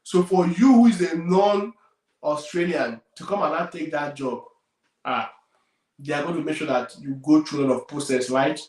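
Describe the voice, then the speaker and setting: Nigerian male career coach, emphatic and repetitive, slightly high voice, roomy distant pickup. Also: normal speed. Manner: emphatic, repeats key points, loudness swings widely. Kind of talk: career advice talk.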